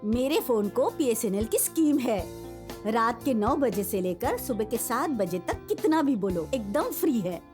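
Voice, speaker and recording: Dub role: scolding mom on the phone, slow lively voice. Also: female voice, a little high, faint music behind. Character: fussy mother on the phone. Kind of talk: Hindi film dub.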